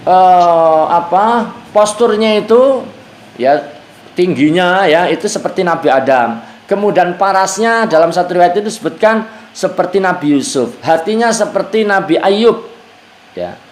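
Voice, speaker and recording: A man's voice: high-pitched, lively intonation, unhurried. A male Islamic teacher explaining Quran verses to a women's study group, patiently repeating key phrases and chanting Arabic verses. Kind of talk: Quran exegesis class. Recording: echoey room.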